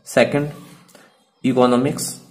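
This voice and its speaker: A man's voice: medium pitch, little pitch movement, slow pace, a little mellow. Hindi teacher guy explaining grammar, indian accent on the english words, asks himself questions and answers them. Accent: Indian English words in Hindi speech.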